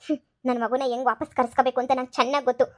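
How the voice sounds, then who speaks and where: A woman voicing a shrill, scolding mother-in-law. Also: little pitch movement, racing, close to an everyday voice. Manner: scolding, taunting. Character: scheming, sharp-tongued middle-aged mother-in-law. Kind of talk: cartoon comedy voice acting.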